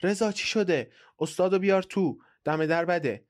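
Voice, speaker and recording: A man voicing a curious, sleepy middle-aged wife who calls out in sharp questions. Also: medium pitch, animated, voice pushed up, lightly acted. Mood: calling out.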